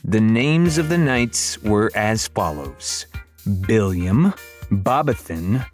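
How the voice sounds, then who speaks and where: An audiobook narrator with a voice on the low side reads a middle-grade fantasy for young readers at a slow, animated pace. His scripted narration is dramatic, theatrical and wry, with music playing behind him.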